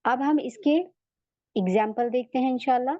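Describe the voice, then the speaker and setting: A woman with a slightly high voice leads a recitation lesson. She explains how each sound is made and says it over and over, patiently and slowly. The recording is dull and dry. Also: dark tone, no room sound. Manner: patient, repeats sounds slowly for learners to follow. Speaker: Quran recitation teacher. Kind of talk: tajweed lesson.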